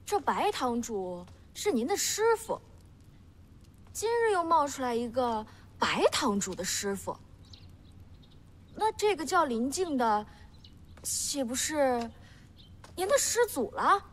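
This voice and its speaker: Lively, high-voiced young maid. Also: female voice, takes it slowly, pauses often, in a large hall, heavily acted. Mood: curious. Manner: deferential yet pressing. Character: loyal, inquisitive young female attendant, gossipy and outspoken. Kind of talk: costume drama dialogue.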